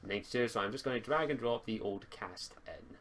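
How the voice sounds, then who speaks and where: This game master talks a little quickly in a lowish, slightly bright voice while casually hosting a tabletop roleplay over a group call. The sound comes through a noisy computer mic at home.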